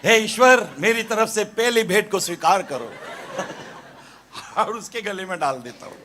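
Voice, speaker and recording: A man voicing a male doctor in a told joke, in a soft, quieter voice. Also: sits high, expressive, measured pace, a faint crowd, a little hiss or hum, heavily acted. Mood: joking. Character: male doctor, calm, then joking darkly.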